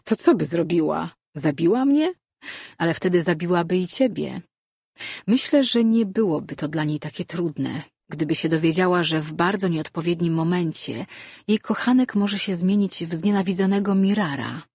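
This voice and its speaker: A woman voicing a sly, sardonic male presence in a man's mind who taunts slowly. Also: on the low side, darkish tone, husky, no room sound, studio quality. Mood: taunting.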